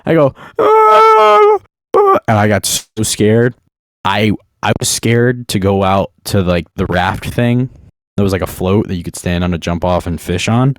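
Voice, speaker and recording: A man's voice: low voice, moderate pace, no echo, studio quality. A young man telling casual, rambling, self-deprecating childhood stories to his viewers. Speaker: vlogger. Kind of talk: casual storytelling monologue.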